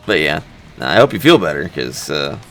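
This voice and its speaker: A man's voice: very deep voice, sing-song, normal speed, fairly bright tone, soft background music. A man who makes game mods, chatting casually over voice chat. He is laid-back and joking, and he fumbles over names. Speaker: mod developer, server host.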